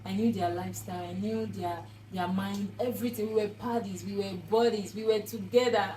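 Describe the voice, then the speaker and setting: A woman's voice: mid-range voice, fairly even intonation, brisk, mellow, a little hiss or hum. A young woman talks to camera in a casual vlog, telling her story with dramatic exclamations. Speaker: vlogger. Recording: echoey room.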